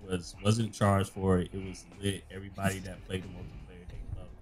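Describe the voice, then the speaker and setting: A man chatting casually about games over a remote mic, his audio level dropping low and coming back unevenly, his speech full of slang like man and bro. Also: monotone, fairly quick, a little mellow. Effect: audio keeps dropping low, uneven volume. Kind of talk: casual gaming podcast chat.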